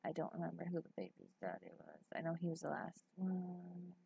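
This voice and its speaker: A woman in her thirties chats casually while playing a life-simulation game on a headset at her home desk, thinking aloud and sniffling from allergies that have stuffed up her nose. Her lowish voice is gravelly and slightly rough, fairly quick, with big pitch swings. The audio is narrow and tinny with no room sound, and game music plays beneath her.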